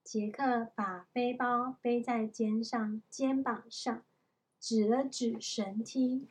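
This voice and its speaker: A mother reading a storybook aloud to her young child at home, in a gentle, patient manner. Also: on the high side, steady tone, takes it slowly, breathy edge.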